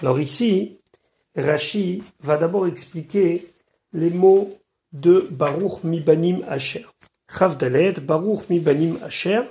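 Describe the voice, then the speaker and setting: A man's voice: fairly high pitch, creaky, dark tone. A man, a rabbi, giving a Torah study lesson, reading Hebrew phrases and explaining them one by one. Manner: slow, measured delivery with pauses. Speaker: rabbi teaching weekly Torah portion.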